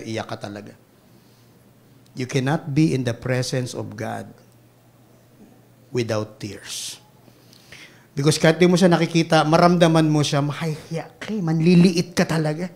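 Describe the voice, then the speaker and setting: A Filipino man preaching a sermon with big swings between loud exclamations and hushed asides. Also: mid-range voice, fairly even intonation, normal speed. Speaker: pastor.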